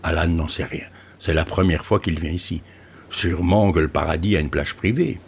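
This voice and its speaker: A man reading his own novel aloud in calm, measured audiobook narration. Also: low-pitched, gravelly, a little hiss or hum.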